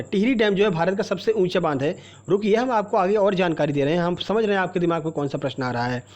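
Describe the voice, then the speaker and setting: A man teaching a general-knowledge quiz for exam preparation, reading out each question and its options, then explaining the answer to the viewer. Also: sits high. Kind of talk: exam-prep quiz lesson.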